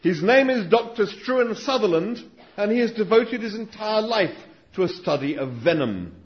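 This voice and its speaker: Wry high-voiced man telling a story. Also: animated, normal speed, breathy edge, lo-fi sound. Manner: wry, dry asides. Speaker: speaker reading to a live audience. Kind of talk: humorous reading and storytelling.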